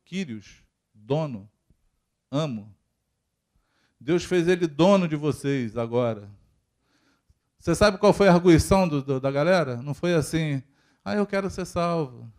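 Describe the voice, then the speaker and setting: A man's voice: a little high, lively intonation, a little slow, pauses often, darkish tone. A man with a Brazilian Portuguese accent preaching a sermon in a church, talking to the congregation and asking it questions as he goes. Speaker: pastor.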